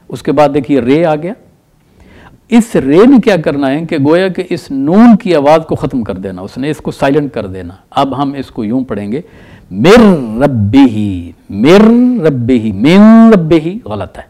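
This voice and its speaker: Man teaching tajweed, lively pitch. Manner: explains patiently, recites examples slowly with stress. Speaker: Quran recitation teacher. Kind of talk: tajweed lesson.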